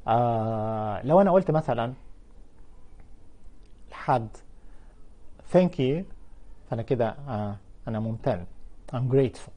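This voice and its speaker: Lively mellow Egyptian English teacher. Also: male voice, medium pitch. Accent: Egyptian Arabic. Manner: explains in Arabic, drawing out English example words slowly. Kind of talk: televised live English lesson.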